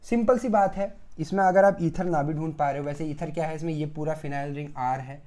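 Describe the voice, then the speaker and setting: A man's voice: a little high, a little fast. A man teaching pharmacy chemistry in a recorded lecture. He asks the class questions, answers them himself and repeats key terms several times. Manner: swings between loud bursts and soft asides.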